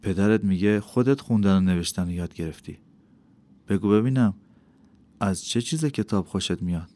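A man reading an audiobook, voicing a wise, kindly old teacher who speaks slowly and gravely. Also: on the low side, natural voice. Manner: slow, grave, warm. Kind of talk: audiobook character voice.

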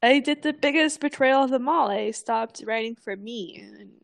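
A young woman chats on a podcast with a somewhat high voice, bursting into laughter and swearing as she tells her story. Her delivery is animated, with many acted-out quotes. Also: normal speed, gravelly. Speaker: podcast co-host. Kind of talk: casual podcast chat.

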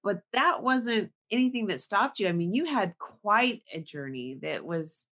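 A woman hosts an interview with a bright, clear tone and a lively rise and fall in her voice. She encourages her guest warmly and sums things up for her listeners. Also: mid-range voice, unhurried. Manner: encouraging, affirming, sums up for the audience. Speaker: podcast host. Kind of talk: interview conversation.

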